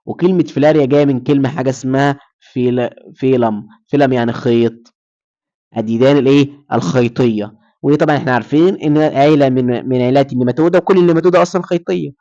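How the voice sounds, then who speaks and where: A man's voice: mid-range voice, quick pace, mellow, dull audio. A man with an Egyptian Arabic accent giving a recorded lecture, who asks his students questions and then answers them himself.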